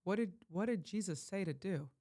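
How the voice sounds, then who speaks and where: A woman life coach giving an emphatic, rambling vlog monologue that surges to loud, heated peaks. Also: mid-range voice, lively intonation, moderate pace. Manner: rambling with frequent restarts.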